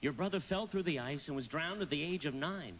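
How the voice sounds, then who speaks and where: An actor playing a gentle, elderly guardian angel in a live radio play, explaining things earnestly. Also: male voice, a little high, brisk, a little hiss or hum, natural voice, poor audio. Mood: solemn.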